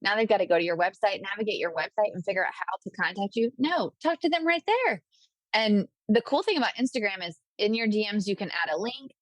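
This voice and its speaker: A woman speaks as a podcast guest, giving practical business advice in an upbeat, eager way. Her voice sits at an ordinary middle pitch. The sound is dry and close, with no room behind her. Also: expressive, fast talker, no echo. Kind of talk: casual interview talk.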